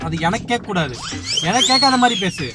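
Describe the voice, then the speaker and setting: A man's voice: sits high, lively intonation, quick pace. A young man, a husband filming a prank vlog while driving, scolding and then coaxing in a casual, irritated way. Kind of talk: casual car chat, staged prank. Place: inside a car while driving. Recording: distant mic, loud music bed.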